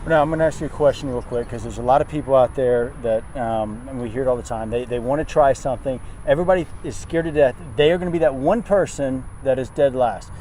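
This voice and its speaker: A man's voice: medium pitch, quick pace, hardly any pauses, mellow, soft background music. A man hosting a casual vlog interview, asking and prompting in an informal, conversational way. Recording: faint outdoor traffic-like background noise.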